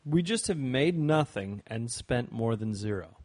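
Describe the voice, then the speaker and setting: A man's voice: mid-range voice, lively intonation, unhurried, darkish tone, no room sound. A young man co-hosting a casual podcast chat, joking dryly and swearing casually. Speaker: podcast co-host.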